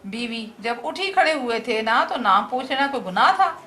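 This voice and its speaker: Woman reading as a sick, complaining husband in a comic play script, fretful and groaning, bright high voice. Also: animated, moderate pace, a little hiss or hum. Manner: groaning, fretful read-aloud lines. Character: ailing irritable husband, middle-aged man, complaining.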